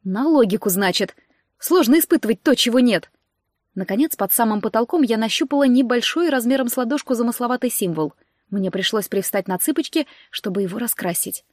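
Woman, audiobook narrator, first-person fantasy, expressive storytelling, slightly high voice, dry close mic. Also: brisk, no room sound.

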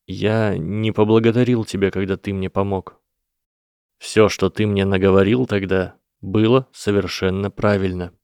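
An earnest young boy hero from a storybook, voiced close to the reader's own low, gravelly tone, as a man reads him. The sound is dry and near the mic, plain and direct. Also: level tone, moderate pace, darkish tone, no echo. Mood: subdued. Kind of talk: audiobook character voice.

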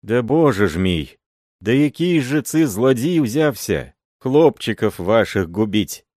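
An old working man swears loud, wailing oaths, as a male reader puts him on. His voice climbs above the reader's own and carries loudly. The sound is dry and close. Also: medium pitch, sing-song, unhurried, dry recording, voice pushed up. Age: older. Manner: wailing oaths, then gruff threats.

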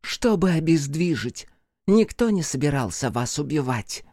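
A sneering, defiant demon woman from an audiobook, pitched up above the reader's own voice and drawn out slowly, with a dry, close sound, as a male narrator puts her on. she answers her captors with cold contempt. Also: very animated, darkish tone, no echo, heavily acted. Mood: scornful. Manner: scornful, then cackling madly. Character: mocking treacherous demon woman servant. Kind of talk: audiobook character voicing.

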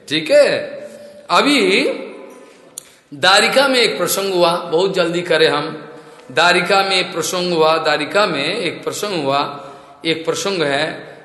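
A man preaching and telling scripture stories in an animated way, with frequent rhetorical asides, in a temple hall. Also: high voice. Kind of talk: Hindi religious discourse. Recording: echoey hall with long reverb.

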